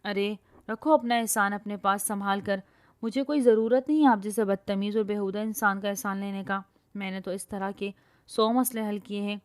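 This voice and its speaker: A hot-tempered young university woman barks orders and picks fights in a loud, quarrelsome voice. A woman reader acts her out in a storybook reading. She brags and scolds without letting up. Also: mid-range voice, fairly even intonation, close to an everyday voice. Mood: angry.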